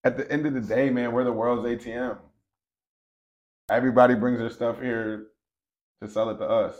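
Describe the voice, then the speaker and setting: A man's voice: medium pitch, level tone, moderate pace, darkish tone, muffled recording. A man co-hosting a podcast in casual chat, making his points with emphasis and repeating them. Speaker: podcast co-host.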